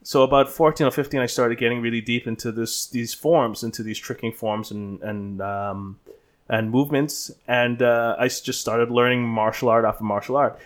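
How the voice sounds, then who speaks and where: A man in his thirties from the Bahamas, a stunt performer telling his story as an interview guest in a relaxed, rambling way full of restarts and fillers. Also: mid-range voice, moderate pace.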